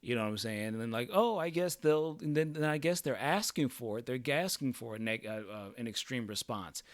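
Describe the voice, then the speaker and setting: This man runs a livestream, reacting in a fairly quick, expressive, medium-pitched voice that rambles, curses and keeps saying "you know what I'm saying." The sound is dry and clean, like a studio.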